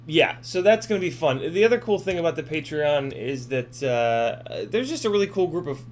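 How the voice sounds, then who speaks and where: A man's voice: fairly high pitch, expressive, moderate pace, faint music behind. A young man on a casual live stream, reading out chat messages and rambling with lots of fillers and restarts, swearing now and then.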